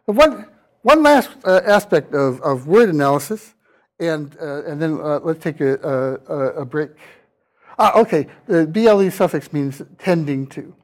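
A man's voice: a little high, expressive, unhurried. A man giving a university lecture, questioning his students and dropping dry wordplay jokes. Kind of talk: classroom lecture.

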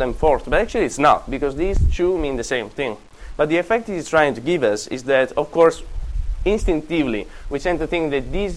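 A man's voice: fairly high pitch, low-quality recording. A man giving a university lecture, thinking aloud and correcting himself as he explains. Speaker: classics lecturer.

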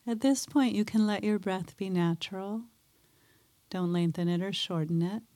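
A woman guiding a mindfulness meditation in a soft, gentle way, pausing often between phrases. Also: medium pitch. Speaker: meditation teacher.

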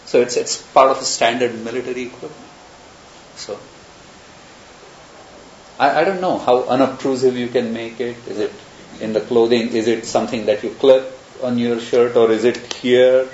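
A man's voice: medium pitch, steady tone, moderate pace, a little mellow. A man giving a university lecture, talking through ideas in a discursive, thinking-aloud way with many examples. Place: lecture room. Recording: roomy, dull lecture recording with hiss.

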